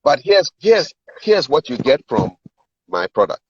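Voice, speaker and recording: A middle-aged Ghanaian-accented man, a communications and sales coach, gives advice in a conversational interview, explaining things and acting out sample dialogue while repeating words for emphasis. His voice is a little high, very animated and a little slow, with a darkish tone. The recording is dull and lo-fi with a roomy echo and slight background noise.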